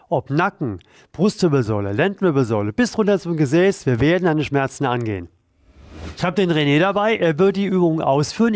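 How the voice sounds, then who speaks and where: Male exercise coach, fairly high voice, dry sound, direct and encouraging. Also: a little mellow, dry recording. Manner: direct, encouraging, addresses viewer informally. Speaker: pain therapist leading exercises. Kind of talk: instructional exercise demonstration.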